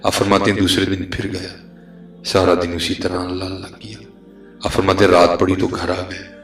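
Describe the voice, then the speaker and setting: A man preaching a sermon and telling a story dramatically, swinging between loud declaiming and hushed tones. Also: low-pitched, level tone. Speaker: religious preacher. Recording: roomy echo, faint music.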